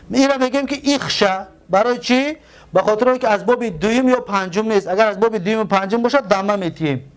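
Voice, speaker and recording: Tajik-accented male teacher, fairly high voice, walks through each step, quizzes himself aloud. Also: clean tone. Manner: explains step by step, asks and answers his own questions. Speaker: Arabic grammar teacher. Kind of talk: classroom lesson at a board.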